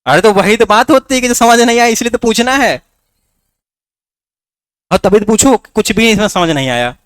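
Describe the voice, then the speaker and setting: A man's voice: high-pitched, expressive, normal speed, a bit bright, clear, resonant tone, dry recording, clean studio sound. A man teaching a class with a north Indian Hindi accent, coaxing students with rhetorical questions. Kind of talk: classroom lecture.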